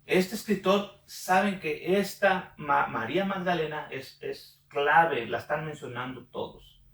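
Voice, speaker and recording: A man's voice: fairly high pitch, a little slow, a bit bright. A man leading a Bible study, reading passages aloud and then explaining them, checking in with his listeners through frequent questions. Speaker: Bible teacher. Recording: roomy echo, distant mic.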